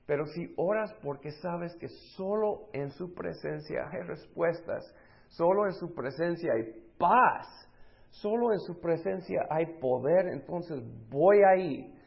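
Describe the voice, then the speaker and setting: A man preaching a lively sermon, slipping into the voices of the people in his story. His voice sits fairly high with a gravelly edge. The recording sounds dull and lo-fi. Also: slow. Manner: acts out quoted voices, shifts between loud and hushed.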